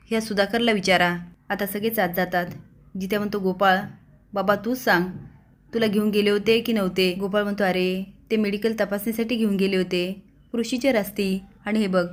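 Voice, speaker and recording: A woman narrating a recap of a television serial episode, reading the characters' lines with slightly raised force. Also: mid-range voice.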